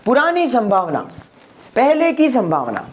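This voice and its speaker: A male English teacher explaining a lesson, asking rhetorical questions, checking on his listeners, and slowing down to spell out example sentences. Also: very high-pitched, huge pitch swings. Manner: rhetorical questions, calls listeners "my dear", checks "are you getting?".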